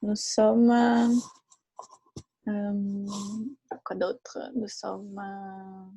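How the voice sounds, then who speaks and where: A woman teaching a live online class who explains patiently and repeats each example slowly. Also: medium pitch, little pitch movement, dark tone, no room sound. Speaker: French teacher.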